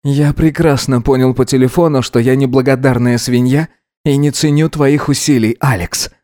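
A man's voice: medium pitch, fairly even intonation, normal speed, dark tone, dry recording, clean studio sound, natural voice. A man voicing a tired, grieving young surgeon who speaks in a restrained way in an audiobook reading. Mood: weary. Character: weary young male surgeon, grieving and hurt.

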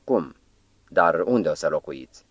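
Quiet, deep-voiced nervous gentleman, as a male narrator puts him on, smoothing things over. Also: expressive, no echo, dull audio. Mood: wary. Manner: hushed, soothing, falsely gentle. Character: cautious, placating middle-aged man, editor type.

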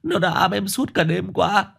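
A man's voice: high voice, lively intonation, quick pace, gravelly, dark tone, breathy edge, pitched above the performer's own voice, exaggerated voice. A man voicing a panicked young man who insists he sees a ghost, pleading and rising to a cry. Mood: frantic.

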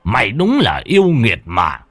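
A man voicing a stern old male Taoist exorcist, speaking gruffly and commanding. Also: medium pitch, wildly swooping pitch, normal speed, fairly bright tone, no room sound.

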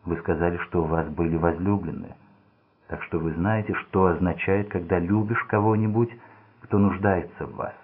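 A man's voice: low-pitched, steady tone, normal speed, breathy edge. A man reading the lines of a frightened, desperate young woman held captive, pleading and distraught, in a storybook. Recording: phone-like narrow band.

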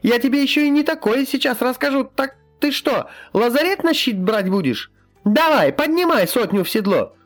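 A man doing a shrill scolding girl healer. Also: lively intonation, moderate pace, faint music behind. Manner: loud, brash, scolding.

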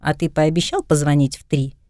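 A woman's voice: low-pitched, brisk, dry recording, clean studio sound, close to an everyday voice. A woman voicing a witty, mischievous young woman in an audiobook. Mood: playful. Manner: lively, wry, chatting to her cat.

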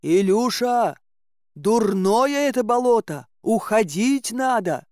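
A woman reads a good-hearted young warrior of folk tales. He talks plainly and earnestly, a little slow. The sound is dry and close. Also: low-pitched, fairly even intonation, a little mellow, dry recording. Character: stout-hearted young male bogatyr warrior.

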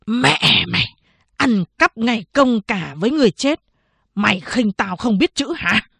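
Lady reading as a gruff old village boss, yells and scolds, slow, dry close sound. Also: fairly high pitch, expressive, dry recording, heavily acted. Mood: scolding. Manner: scolding, shouting. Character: gruff old male town chief.

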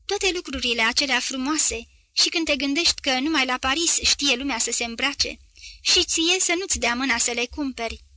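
A woman reading the lines of an affected, worldly English governess in an audiobook, slow and mannered. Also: high-pitched, bright, forceful tone, no echo. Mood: lamenting.

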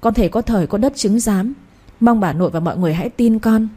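A woman's voice: medium pitch, quick pace, warm tone, husky, lightly acted. A woman voicing a young daughter-in-law who begs tearfully to be believed. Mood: pleading. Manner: tearful, begging. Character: pleading young daughter-in-law accused of poisoning.

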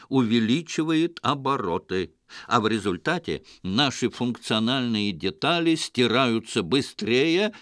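A man reading an audiobook, voicing a flying saucer with an even, metallic, robot-like voice in a flat, slow delivery. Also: medium pitch, no room sound, clean studio sound.

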